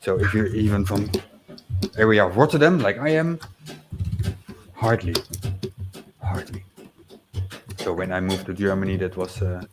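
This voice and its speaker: Chatting on his livestream, this native Dutch speaker from the Netherlands works through viewer comments with plenty of fillers, false starts and chuckles in his Dutch accent. His lowish voice moves a little slowly with long pauses, against background noise.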